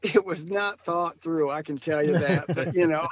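A man's voice: fairly high pitch, normal speed. A man from Michigan talking casually about hunting gear, rambling and repeating words, laughing often. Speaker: podcast guest, coon hunter. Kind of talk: casual chat.

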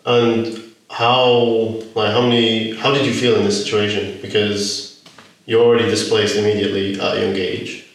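A man's voice: lowish voice, flat delivery, normal speed, vocal fry. A man hosting a casual podcast, joking with his guests and laughing often as he asks questions. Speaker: podcast host. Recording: echoey room, far from the mic.

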